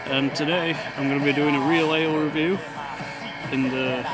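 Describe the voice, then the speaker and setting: A young man talks loosely into a close handheld camera outdoors at dusk, full of fillers and pauses. His voice sits a bit high for a man. Loud music plays under the whole recording. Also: rough recording. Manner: relaxed, rambling with many fillers. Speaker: vlogger reviewing beer. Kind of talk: casual review vlog. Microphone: phone camera held low, close.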